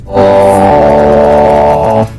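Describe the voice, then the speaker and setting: A man streaming a game through a voice changer that makes him sound robotic, chattering excitedly and repeating words. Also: low voice, very slow. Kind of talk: live gameplay commentary. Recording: loud music behind.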